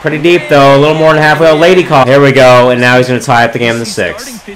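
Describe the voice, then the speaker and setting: A man giving excitable gameplay commentary, calling home runs like a sportscaster as he plays. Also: medium pitch, quick pace, a little hiss or hum, rough recording. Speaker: gaming video creator.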